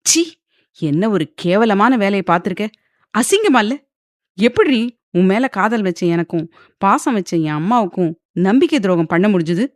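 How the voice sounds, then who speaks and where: A woman voicing a furious young husband who shouts in harsh, rapid, scornful bursts in a storybook reading. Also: mid-range voice, animated, no room sound, clean studio sound, lightly acted. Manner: shouting, sneering, rapid angry speech.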